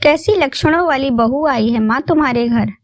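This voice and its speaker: Woman doing a sneery nosy sister-in-law, high and dry close. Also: normal speed, no room sound, close to an everyday voice. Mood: sneering. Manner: sneering, shouting. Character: spiteful young woman, meddling sister-in-law.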